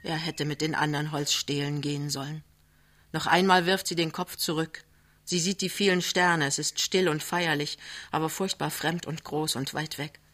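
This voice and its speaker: Hushed, measured woman reading aloud. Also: low-pitched, steady tone. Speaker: audiobook reader. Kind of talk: literary reading. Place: live reading soirée.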